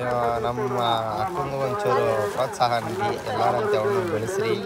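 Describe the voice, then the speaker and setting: A man's voice: medium pitch, big pitch swings, normal speed. A man joking and teasing on camera in playful banter with friends. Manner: mocking, playful. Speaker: friend on the pilgrimage. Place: outdoors at a crowded pilgrimage camp. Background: loud crowd noise.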